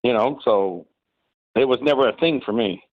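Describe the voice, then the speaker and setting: Male caller on speakerphone, muffled phone-line sound, mid-pitched, loose rambling delivery. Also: moderate pace, dry recording. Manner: rambling with restarts. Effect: heard over a phone line on speakerphone. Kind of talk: casual call-in chat.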